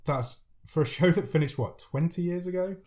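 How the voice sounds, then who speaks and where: A man with a head cold co-hosts a podcast, chatting casually and eagerly about films and reading out their blurbs. The cold deepens his voice, which is slightly high with a dark tone, and he speaks at a normal pace.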